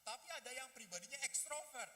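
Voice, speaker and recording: A man, a priest, giving a lively talk to young people and acting out the voices of people in his stories. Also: very high-pitched, fast, long reverb tail. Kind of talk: lively youth talk with acted dialogue. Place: hall at a youth gathering.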